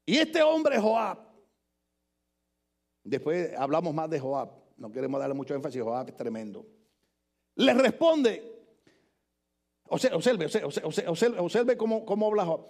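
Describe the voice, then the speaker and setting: An older Puerto Rican pastor preaching in church with a notably high voice. He swings from joking asides to emphatic points. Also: sing-song, a little slow, long pauses, darkish tone. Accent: Puerto Rican Spanish. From Puerto Rico. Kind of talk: sermon. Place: church with congregation.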